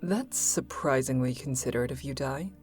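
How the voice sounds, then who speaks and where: A woman's voice: rumbling low, normal speed, a little mellow, faint music behind. A woman voicing a grave, considerate female spaceship crew member in a video game. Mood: grave, apologetic.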